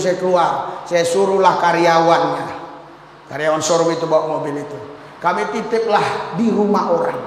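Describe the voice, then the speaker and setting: A man preaching in a high voice, spinning an animated story full of acted-out quotes and laughter. His voice rings out through a large, echoing church hall with a long reverb tail. A faint hum of background noise sits under it. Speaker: pastor. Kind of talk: sermon. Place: church hall with a live congregation.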